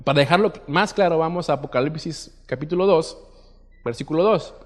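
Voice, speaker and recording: A man's voice: on the high side, a little fast. Man preaching in a reverberant church hall. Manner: reads scripture aloud with swelling emphasis, questions the congregation. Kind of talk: sermon.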